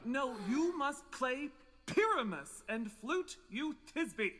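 Played by an actor, a fussy carpenter reads out the cast of his play in a slow, measured way. The tone is bright, in a hall with a long reverb. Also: high voice, sing-song, full character voice. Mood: directing. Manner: calls out names in a measured, slow way. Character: fussy male carpenter directing a village play.

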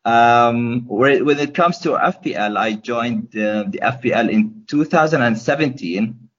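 This podcast guest is a young Gazan man whose mid-range, slightly rough voice moves at an unhurried pace. He gives casual interview answers haltingly, full of ums and false starts, over dull lo-fi audio.

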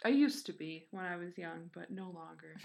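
A woman's voice: fairly low pitch, moderate pace, gravelly. A woman with a Michigan accent co-hosting a podcast, telling a story casually with giggly, informal asides. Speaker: podcast co-host.

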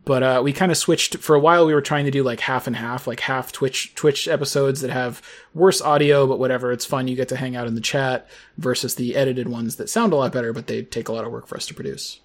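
A man co-hosting a podcast, relaxed and explanatory in casual chat. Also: medium pitch, quick pace, few pauses. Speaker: podcast co-host.

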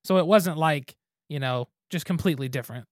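Brisk and on the high side, this man's voice comes through clean and dry in the studio. Co-hosting a podcast, he reviews a beer in an easygoing chat, thinking out loud and starting over mid-thought.

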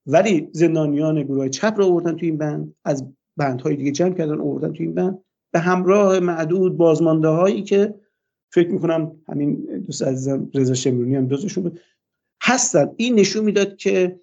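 An older man, a guest in a radio interview, gives a long, hesitant personal account, often pausing on "uh" fillers. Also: on the high side, creaky, mellow, muffled recording.

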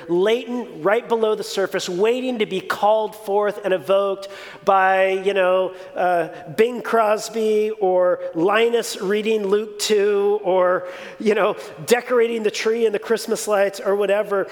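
High-voiced man preaching in a hall. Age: 40s. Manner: conversational, reflective preaching. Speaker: pastor. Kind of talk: sermon. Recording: reverberant hall.

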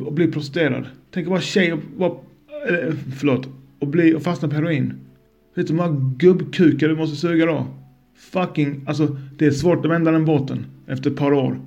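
Podcast guy ranting, swears a lot, kinda high voice. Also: vocal fry, mellow, muffled recording. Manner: angry, profane, emphatic. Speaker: podcast host. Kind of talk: heated podcast rant.

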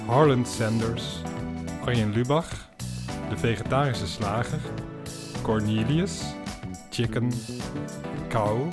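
A man hosting a podcast, telling an absurd comic story in a dry, deadpan way. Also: mid-range voice. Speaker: podcast host.

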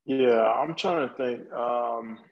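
A man with a mid-pitched voice talks casually among friends. His delivery is halting and hesitant as he feels his way through what he wants to say. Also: highs cut off.

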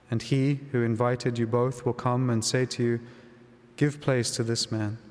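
Priest ringing through a cathedral echo. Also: male voice, mid-range voice. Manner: calm and measured, with some restarts in the homily. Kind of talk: gospel reading and homily at Mass. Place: large church. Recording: long reverb of a large church.

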